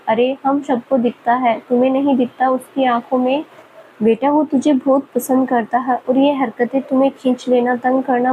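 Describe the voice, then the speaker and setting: A woman's voice: high voice, phone-quality sound, slight background noise. A woman doing a loving, scolding mother. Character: affectionate scolding mother, middle-aged woman.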